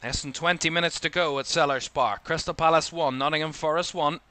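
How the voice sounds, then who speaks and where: Speaking in a Northern Irish accent, this young commentator delivers rapid live play-by-play of a football game, pushing his voice up when teams attack. His pitch is fairly high and his tone sharp, though his intonation stays fairly even.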